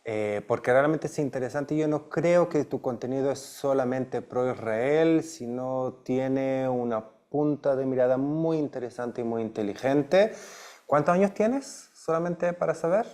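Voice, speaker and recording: A man hosting an interview who asks questions in a halting way and often restarts his phrases. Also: mid-range voice, darkish tone. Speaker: host, interviewer.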